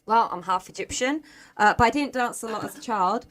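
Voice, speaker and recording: A woman's voice: a little high, fairly quick, a bit bright. A woman with an East End London accent, chatting casually as an interview guest and laughing easily. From England. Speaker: interview guest, belly dancer.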